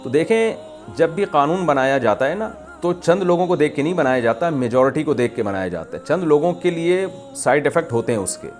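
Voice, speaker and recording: A man's voice: on the high side, animated, faint music behind. A man with a Pakistani Urdu accent giving an emphatic religious lecture, explaining with repeated examples. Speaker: Islamic preacher. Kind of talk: religious lecture answering a question.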